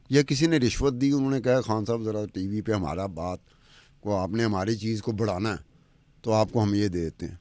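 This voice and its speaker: A man, a podcast commentator talking across from a woman anchor, stacking up rhetorical questions in an argumentative way. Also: mid-range voice.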